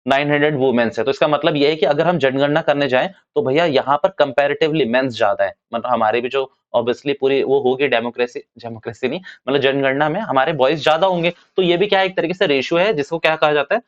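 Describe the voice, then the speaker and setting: In a dull lo-fi recording, a male commerce teacher lectures fast with hardly any pauses, his voice at medium pitch. Chatty and informal, he addresses students as "bhaiya" and keeps going over the same points.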